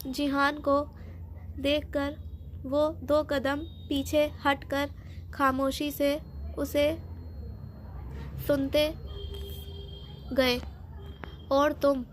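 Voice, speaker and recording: A woman narrating a novel as an audiobook in a steady, dramatic reading. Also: high voice, long pauses, slight background noise.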